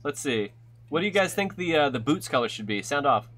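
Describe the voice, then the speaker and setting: Host reading chat aloud, playful, casual craft stream, pitch rising and falling a lot. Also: big pitch swings, fairly quick, fairly bright tone. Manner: reads viewer comments aloud, playful.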